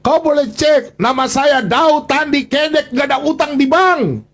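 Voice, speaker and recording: A man's voice: very high-pitched, measured pace, a bit bright. A man hosting a livestream, talking in an aggrieved, pleading, repetitive way. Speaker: livestream host. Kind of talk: emotional livestream rant.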